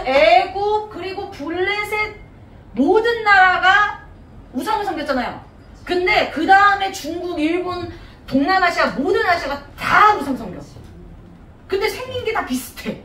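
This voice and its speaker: A woman's voice: extremely high pitch, a bit bright, slight background noise. A woman Sunday school teacher giving a playful, chatty Bible lesson to children in a church hall, laughing often. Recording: echoey hall, voice from a distance.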